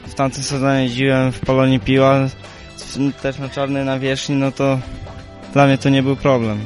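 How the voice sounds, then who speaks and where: A man's voice: mid-range voice, completely flat delivery, normal speed, faint music behind. A young man, a junior rider, giving plain brief answers in a post-race interview.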